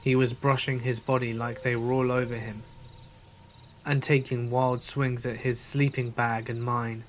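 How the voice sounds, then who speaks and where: A man reading a first-person scary story aloud in a steady, measured storytelling manner. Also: mid-range voice, slight background noise. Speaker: narrator. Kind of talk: scripted horror story narration.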